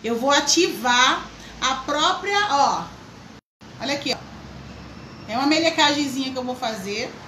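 Female craft host, high and bright, chatty, in an echoey room. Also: lively intonation, a little slow, pauses often, slight background noise. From Brazil. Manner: chatty, greets viewers by name. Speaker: craft teacher, live stream host. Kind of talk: live craft tutorial.

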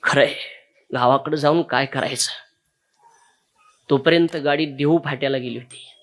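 A man's voice: medium pitch, steady tone, normal speed, fairly bright tone. A man, preaching a kirtan sermon and telling a moving story straight to his listeners. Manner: emotional storytelling, addresses audience directly.

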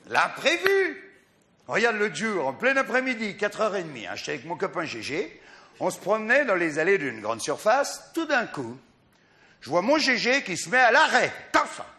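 A male stand-up comedian in a loud, teasing monologue, addressing the audience on a live stage. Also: sits high, a little hiss or hum. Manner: boisterous, teasing the audience, drawn-out exaggerated delivery.

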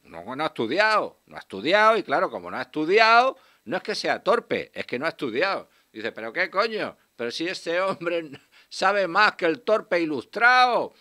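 A man's voice: a little high, moderate pace. A man in his sixties hosting a radio show, delivering a sardonic, swearing comic monologue and bantering with a guest in a small studio. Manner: sardonic, animated, swears freely. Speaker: radio host. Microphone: studio mic with headphones.

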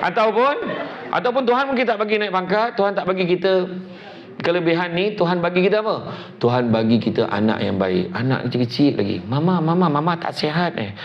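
Animated joking Malaysian preacher man. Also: fairly quick, a faint crowd. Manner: animated and joking, acts out quotes in high voices. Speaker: motivational preacher. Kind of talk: humorous motivational lecture. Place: event hall at a public library. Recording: dull lo-fi live recording with background noise.

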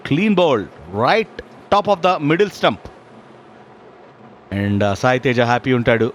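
A man with a South Indian Telugu accent giving excited cricket commentary in short exclamatory calls mixed with analysis. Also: mid-range voice, takes it slowly. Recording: noisy outdoor ground ambience behind commentary.

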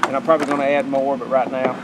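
A middle-aged man rambles casually in a folksy, self-correcting way while showing off his boat's upgrades in a backyard. His voice is medium-pitched, monotone, and rapid-fire. Outdoor camera audio picks up loud background noise.

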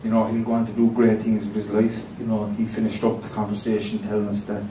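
A man's voice: monotone, quick pace, warm tone. A man in his thirties with an Irish accent, speaking informally as a co-presenter at an event. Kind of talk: informal talk to an audience. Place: conference room with an audience. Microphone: handheld microphone. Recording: echoey distant room, faint rumble.

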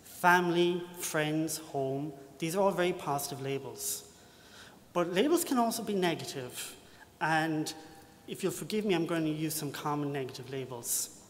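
A man's voice: fairly high pitch, lively intonation, moderate pace. A man speaking earnestly and reflectively at a conference hall podium, with a touch of self-deprecation. His voice carries a long reverb from the hall, with faint noise underneath. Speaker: conference lightning talk speaker. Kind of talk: short timed presentation to an audience.

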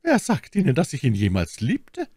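A man voicing a cold, scheming young noblewoman in a cutting, mocking high falsetto for a read-aloud novel. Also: wildly swooping pitch, moderate pace, darkish tone, breathy edge, dry recording, studio quality, full character voice. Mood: tense, demanding.

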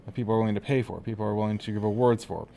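A man's voice: on the low side, fairly even intonation, rapid-fire, creaky, dark tone. Joking male interviewer, faint hiss. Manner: joking, teasing, rambling questions. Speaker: interviewer host. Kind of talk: casual interview. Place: author venue room.

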